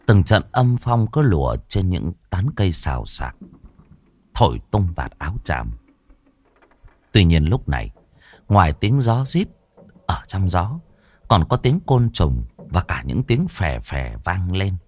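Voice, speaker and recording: A man narrating a ghost story in a lively, expressive way. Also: low voice, unhurried. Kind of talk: scripted narration.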